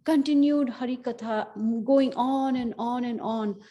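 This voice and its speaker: The audio is dull, and the woman's slightly high voice stays steady at a measured pace. In her scripture class she tells the story conversationally, with plenty of asides and frequent "you know."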